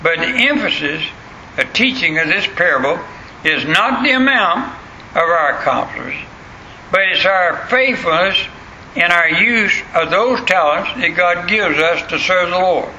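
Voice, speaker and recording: A man's voice: sits high, expressive, unhurried, pushed and bright, dull audio. An older man with a rural Southern US accent and an old country voice, preaching a sermon in a plain-spoken, folksy way and repeating phrases for emphasis. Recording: echoey room, faint background noise.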